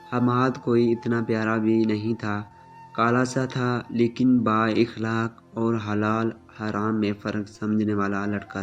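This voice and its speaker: A man's voice: medium pitch, lightly acted. Maria, a defiant young woman, read by a man. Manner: scornful, defiant. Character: stubborn young woman refusing an arranged marriage. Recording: slightly dull with soft music.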